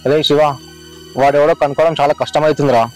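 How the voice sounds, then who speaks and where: A man's voice: a little high, fairly even intonation, fast talker, close to an everyday voice. A man playing a young village man who urgently helps his friend track someone down, with a Telangana Telugu accent. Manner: urgent, agitated. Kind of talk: village short film drama. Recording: music under dialogue. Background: background music.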